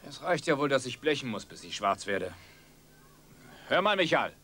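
An actor playing a middle-aged father who gruffly lectures his grown son, in dubbed film dialogue. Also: mid-range voice, sing-song, normal speed, sharp tone. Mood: angry.

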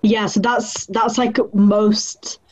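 A woman's voice: medium pitch, level tone, slow pace, no echo, highs cut off. A young woman student from England, speaking casually from her bedroom with fillers like "like" and "uh". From northern England. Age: young adult. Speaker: student panelist. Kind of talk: casual interview answer. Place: small bedroom indoors. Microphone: laptop webcam.

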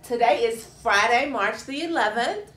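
A woman's voice: fairly high pitch, expressive, normal speed, a bit bright. A woman teacher co-hosting a school morning news show, reading announcements to students in a friendly, upbeat way. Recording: echoey room.

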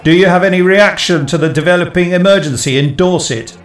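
A man voicing a hostile journalist in a story, calling out loudly as if shouting from a crowd. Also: high voice, a little fast, echoey room, soft background music, pitched above the performer's own voice, lightly acted. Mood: challenging. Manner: shouting out from a crowd, raised and challenging. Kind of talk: dramatic audiobook storytelling.

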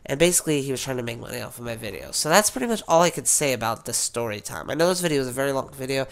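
A man's voice: mid-range voice, expressive, rapid-fire, vocal fry. A man with a sick voice, rambling casually as a gaming YouTuber, with many fillers and restarts. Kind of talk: rambling casual vlog talk.

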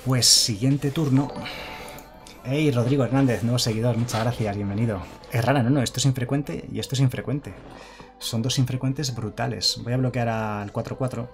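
A man's voice: medium pitch, steady tone, normal speed, faint music behind. A man commenting live on his card game, chatting casually and reading viewer messages aloud. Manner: chatty, reads chat aloud and thanks followers. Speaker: streamer.

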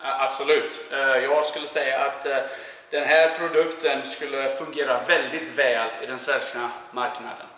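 Recorded with a lapel mic in a cavernous indoor warehouse, the audio carries long reverb and strong echo. The speaker is a painting contractor from Sweden in his forties with a Swedish accent, answering interview questions in an easygoing way with many filler sounds. His pitch is medium and his speed normal.

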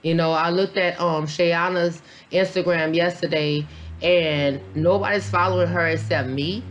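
A woman's voice: on the low side, fairly even intonation, unhurried, slight background noise. A woman vlogger giving a casual reaction review, blunt and profane, rambling with lots of fillers, a little tipsy. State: a little tipsy after a beer. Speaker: vlogger, mom reviewing a documentary.

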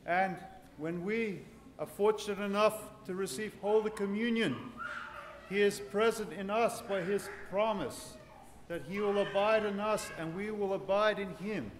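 A man in his thirties, a priest, giving an earnest sermon in a large church, unhurried, building to joyful emphasis. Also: high-pitched, a little hiss or hum. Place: large ornate church with congregation. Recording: echoey church hall, reverb, faint ambience.

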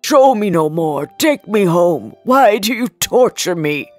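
A woman voicing an old miserly man who begs a ghost to take him home, speaking loudly. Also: mid-range voice, animated, slow pace, faint music behind. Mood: pleading. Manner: loud, pleading.

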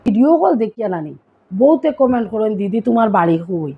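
A woman's voice: on the high side, big pitch swings, a little fast, narrow, tinny audio. A woman vlogger with a Sylheti Bengali accent, chatting playfully and straight to her viewers in a casual vlog. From Assam, India.

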